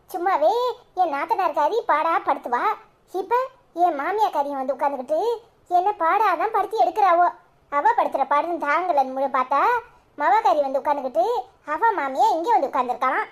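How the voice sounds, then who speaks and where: A put-upon young wife voiced by a woman who grumbles at length in a cartoon. She speaks Tirunelveli Tamil in a high, lamenting voice. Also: brisk, lightly acted. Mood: complaining. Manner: complaining, lamenting. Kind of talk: cartoon voice acting.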